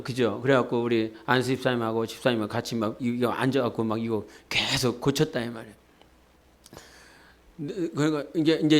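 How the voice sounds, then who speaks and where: A man preaching a sermon as pastor, talking directly to his congregation and leading them in shouted declarations. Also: medium pitch. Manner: often asks the congregation "예?" and talks to them directly. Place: church sanctuary.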